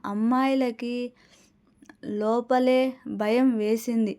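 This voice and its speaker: Woman storyteller, slow narration, mellow voice, slightly high pitch, calm. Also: smooth.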